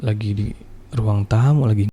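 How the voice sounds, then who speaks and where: Seorang pria berlogat bercerita santai tentang pengalamannya, blak-blakan, kasar, dan penuh bahasa gaul. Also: male voice, lowish voice, moderate pace, warm tone, a little hiss or hum. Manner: blunt, profane, slangy. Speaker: guest telling a personal story. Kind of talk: casual storytelling chat.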